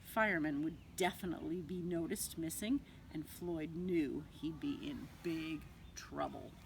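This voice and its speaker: Reading a picture book to little kids in the style of a nursery teacher, this woman draws out words and uses dramatic pauses expressively. She has a low voice with vocal fry, over slight background noise.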